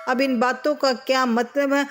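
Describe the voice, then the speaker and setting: A hurt young husband, as a woman narrator voices him in a spoken storybook. He is patient and pleads calmly with his wife. The voice stays high and level, with little rise and fall.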